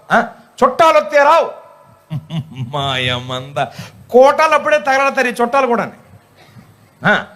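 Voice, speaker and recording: A middle-aged man preaching a sermon as pastor, animated and humorous, firing off teasing rhetorical questions. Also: sits high.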